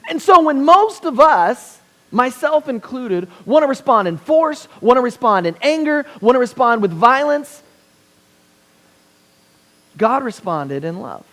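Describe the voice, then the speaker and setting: A man's voice: very high voice, fairly bright tone. A young male pastor preaching a chapel sermon in a conversational, joking way, often checking in with the congregation. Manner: conversational, self-deprecating humor with frequent "right?" asides. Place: university chapel.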